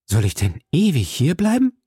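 A man's voice: mid-range voice, very animated, normal speed, mellow, slightly rough, no echo, studio quality. Man voicing a tense, cornered noblewoman. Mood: wary.

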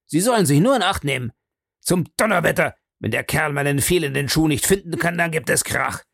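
A blustering gentleman fumes in a broad West Country burr, put on by a man reading a story. He talks high and fast, in a gravelly, lively voice. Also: dry recording, clean studio sound. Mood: furious. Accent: broad West Country dialect (as told). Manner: furious, fast, shouting complaints. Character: angry blustering middle-aged country gentleman.

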